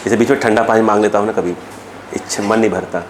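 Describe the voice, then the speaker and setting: A physics teacher lecturing a class, slowly dictating questions and then explaining in a quick, chatty way. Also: male voice, lowish voice, steady tone, noisy background.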